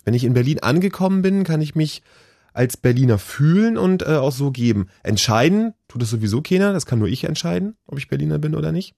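A man co-hosting a radio show who muses reflectively out loud. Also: fairly high pitch, lively intonation, fairly quick, gravelly, dry recording, clean studio sound. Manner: musing, reflective talk. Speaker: radio co-host. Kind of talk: radio call-in chat. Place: radio studio.

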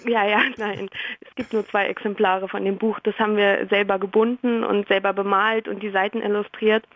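A young woman reading her own fantasy story aloud in an expressive voice, then chatting casually and laughing often. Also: mid-range voice, a little fast, no echo, dull audio.

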